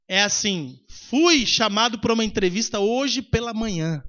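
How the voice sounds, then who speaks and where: A man's voice: high voice, dull audio. A man with a Brazilian Portuguese accent preaching, telling a testimony to his congregation and acting out the dialogue. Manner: animated, acts out dialogue, addresses congregation as brothers. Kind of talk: sermon testimony storytelling.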